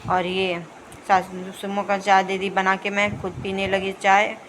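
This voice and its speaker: A woman's voice: medium pitch, completely flat delivery, a little slow, slight background noise. A young woman narrating her home vlog in a casual, chatty running commentary on her family's daily routine. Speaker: vlogger.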